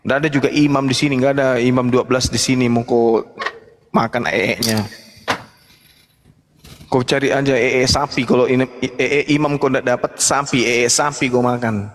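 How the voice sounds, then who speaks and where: A man's voice: mid-range voice, fairly even intonation, normal speed, big-room sound. A man hosting a live-streamed religious discussion, talking bluntly and with mockery. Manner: blunt, mocking. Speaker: host.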